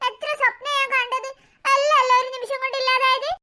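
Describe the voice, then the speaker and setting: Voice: very high voice, little pitch movement, fast talker, bright, forceful tone, a little hiss or hum, full character voice. A voice actor playing a mischievous, whiny little girl who scares easily. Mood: sulky. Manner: whiny, then shrieking in panic. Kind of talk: cartoon voice acting.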